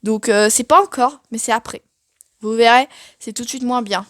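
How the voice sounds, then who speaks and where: A woman's voice: a little high, normal speed, fairly bright tone, no echo. A young woman giving a casual, chatty tour of her sketchbook, self-mocking and full of fillers. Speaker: art vlogger.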